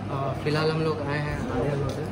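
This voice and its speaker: Young man, travel vlogger, slightly high voice, chatty, phone at arm's length, loud background noise. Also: little pitch movement, a little fast. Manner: chatty, mixes English words into Hindi. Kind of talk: casual travel vlog. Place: busy restaurant indoors, then streets.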